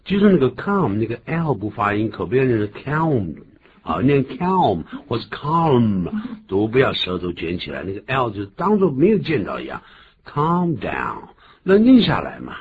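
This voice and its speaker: A deep-voiced man teaches English vocabulary, swinging his pitch widely to stress words. The recording is dull and lo-fi with a faint hiss behind him. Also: moderate pace. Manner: animated explaining, jumps high in pitch for emphasis. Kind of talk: bilingual radio English lesson.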